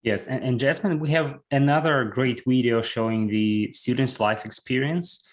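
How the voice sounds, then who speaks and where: A man's voice: medium pitch, normal speed. A man hosts an online webinar in an ordinary mid-range voice. He makes brief, stumbling transitions, repeating words as he sets up the next part. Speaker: webinar host. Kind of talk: webinar moderation.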